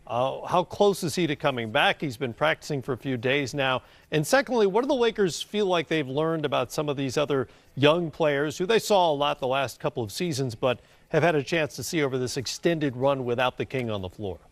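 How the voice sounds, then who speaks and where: A man anchoring a sports news segment in a measured, newsy way, asking long questions. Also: on the high side, expressive, no echo. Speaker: studio anchor.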